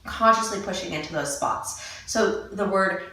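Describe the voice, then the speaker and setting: A woman movement coach giving a casual lesson and slowly demonstrating mouth sounds. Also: mid-range voice, pushed and bright. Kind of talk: casual instructional talk. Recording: echoey room, mic at a distance.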